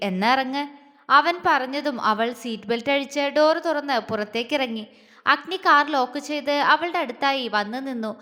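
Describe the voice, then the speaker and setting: A woman storyteller reads a romance story aloud in a gentle, expressive way. Her voice sits high and sounds bright. A long reverberant tail hangs on her words. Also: a little fast. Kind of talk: scripted romance story narration.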